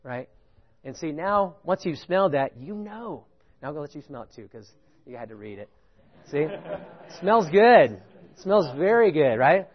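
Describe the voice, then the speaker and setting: A man preaching a sermon, animated, often stopping to ask the congregation "right?". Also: moderate pace, breathy edge, lo-fi sound. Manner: animated, rising pitch on key points, chuckles, asks "right?". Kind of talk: sermon with audience participation.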